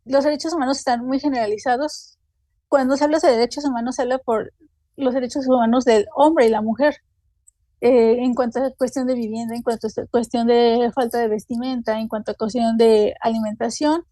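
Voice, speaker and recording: This woman's fairly high voice has a dark tone and mostly even intonation, with no room sound in the recording. Speaking with a Mexican Spanish accent, she loosely reads an academic seminar talk, hesitating and using many fillers like "este" and "eh."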